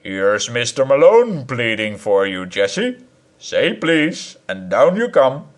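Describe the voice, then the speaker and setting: A man plays a gruff, bullying professor who teases in a low rumble. He stretches his words slowly, drily amused. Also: very animated. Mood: mocking. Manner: rumbling, teasing, slow and drawn out. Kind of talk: audiobook character reading.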